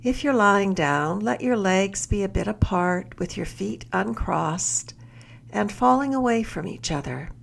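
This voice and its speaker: Guiding a meditation, this woman works as a mindfulness mentor and speaks in a mid-range, animated voice. She instructs gently and at a measured pace, letting each phrase end in a soft breath.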